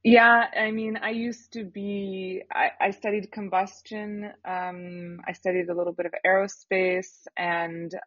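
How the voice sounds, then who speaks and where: Young woman, earnest startup founder type, husky timbre, dry dull studio recording. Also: medium pitch, dry recording. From Canada. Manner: earnest, lively, with filler pauses. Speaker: startup founder, podcast guest. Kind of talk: casual interview talk.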